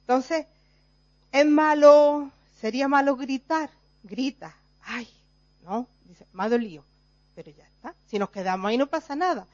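A woman's voice: high-pitched, normal speed, a little mellow, dry recording. A woman teaches a group informally. She explains step by step, checks in with "right?" after nearly every phrase, and acts out everyday examples. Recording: dull, dry, lo-fi recording.

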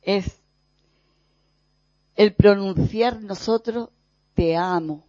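Slow spiritual teacher, dull dry recording. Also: medium pitch, no room sound. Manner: slow, thoughtful, with pauses and soft repetitions. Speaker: preacher.

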